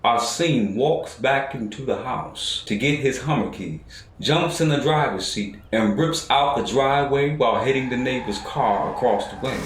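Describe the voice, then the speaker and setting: A man's voice: mid-range voice, normal speed, few pauses, a little hiss or hum. A man reading a dramatic short story as narrator. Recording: roomy echo.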